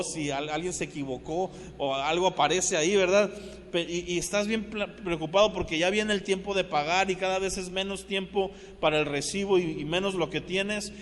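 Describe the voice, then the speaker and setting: A man delivers a sermon in a conversational, storytelling way, often checking in with his listeners. His voice sits high for a man. The sound carries a long reverb, as from a large church hall. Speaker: pastor.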